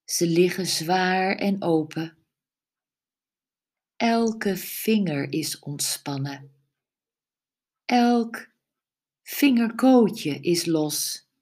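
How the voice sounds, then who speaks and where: Woman doing guided meditation, super slow, low soft soothing voice, lots of pauses. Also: lively intonation. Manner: soft, soothing, unhurried instruction with long pauses. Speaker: relaxation guide.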